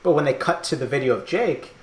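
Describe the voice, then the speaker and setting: A man's voice: medium pitch, lively intonation, fast talker, over a noisy crowd. A man hosting a podcast, chatting casually and thoughtfully, rambling with many fillers and laughing often. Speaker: podcast host. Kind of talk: casual chat. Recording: roomy echo.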